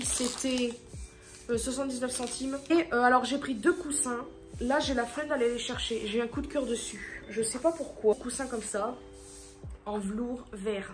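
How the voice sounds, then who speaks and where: A woman chatting casually to her vlog audience at home, rambling and tripping over her words. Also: on the high side. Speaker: vlogger. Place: at home indoors.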